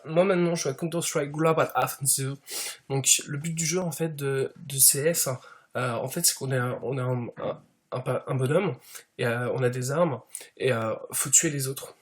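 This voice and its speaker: A man doing a comedic parody monologue as a smug show-off, padding every sentence with fillers. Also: medium pitch. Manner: smug show-off persona, heavy fillers, constant "tu vois". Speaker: YouTuber.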